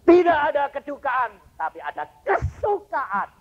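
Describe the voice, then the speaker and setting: A man's voice: very high-pitched, sing-song, unhurried. A male evangelist preaching a sermon, telling stories and asking the congregation rhetorical questions. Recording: dull lo-fi sermon recording.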